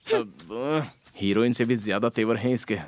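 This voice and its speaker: A man's voice: medium pitch, normal speed, close to an everyday voice. An actor dubbing a cocky young male hero who teases and cracks jokes, in a Hindi film dub. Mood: teasing. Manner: teasing, wisecracking. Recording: film soundtrack with very loud music.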